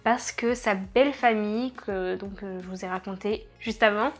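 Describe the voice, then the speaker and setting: A woman's voice: mid-range voice, fairly even intonation, normal speed, soft background music. A young woman from France telling travel stories to camera in a casual, chatty way, with frequent hesitations and wry asides. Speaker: vlogger.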